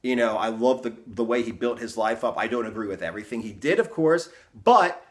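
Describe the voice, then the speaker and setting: A male coach rants bluntly at mid pitch, swearing freely and driving each point home. He keeps tagging lines with "okay?" and "you know" as he talks straight to his audience. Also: expressive, a little fast. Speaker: fitness and success coach. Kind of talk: blunt motivational vlog rant.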